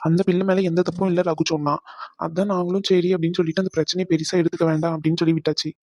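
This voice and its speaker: Cartoon casting: a woman playing a gentle young groom, low mellow voice, quick placating talk. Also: flat delivery, no room sound, close to an everyday voice. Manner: coaxing, placating. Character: patient soothing young husband-to-be. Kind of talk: cartoon voice acting.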